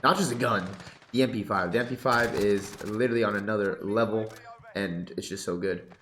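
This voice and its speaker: This competitive gaming YouTuber, a young man who sounds congested, commentates gameplay and casually explains his settings from his home setup via a boom-mic headset. His lowish voice runs a little fast, laid-back apart from excited outbursts, and the room echoes with slight background noise.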